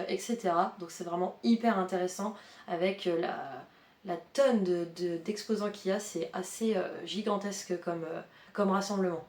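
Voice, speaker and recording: A woman's voice: mid-range voice, darkish tone, roomy sound. A woman of twenty-nine, chatting casually in a vlog with many fillers as she reads out a schedule. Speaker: vlogger, airline pilot student.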